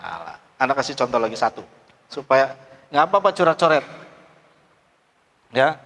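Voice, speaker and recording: A middle-aged man teaching Quran recitation in a class, drilling his students letter by letter and urging them to read out loud. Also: medium pitch, sing-song, normal speed. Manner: drills students call-and-response, coaxing them to read loudly. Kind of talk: classroom tajwid lesson. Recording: long hall reverb.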